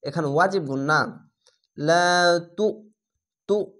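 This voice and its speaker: A man with a Bangladeshi Bengali accent teaching Quran reading, who breaks words into syllables, repeats them slowly and explains each rule. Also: fairly high pitch, a bit bright. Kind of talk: step-by-step recitation lesson.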